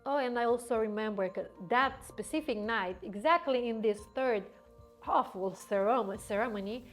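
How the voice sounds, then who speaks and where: A woman's voice: a little high, moderate pace, soft background music. Young woman telling a personal story. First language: German. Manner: animated, laughs often, restarts words. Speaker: vlogger. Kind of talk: casual storytelling to camera.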